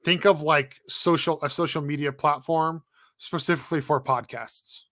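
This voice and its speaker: A man co-hosting a gaming podcast, with a bright, forceful voice that sits a little high. He talks in a chatty, animated way and laughs easily. The sound is dry and close, with no room around it. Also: moderate pace, dry recording. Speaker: podcast co-host. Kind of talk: casual gaming podcast chat.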